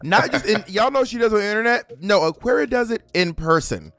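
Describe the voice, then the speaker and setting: A man's voice: high-pitched, animated, fairly quick, a bit bright, no echo. A man in casual chat who teases and goads his co-host. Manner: teasing, playfully goading. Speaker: drag performer and co-host.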